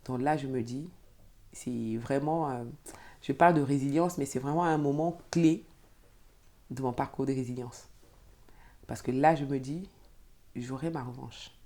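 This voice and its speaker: A woman's voice: very deep voice, a little slow, pauses often. A middle-aged woman from Cameroon, telling her life story as a guest and acting out the voices of people in it. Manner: animated storyteller who acts out quotes. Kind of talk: personal storytelling.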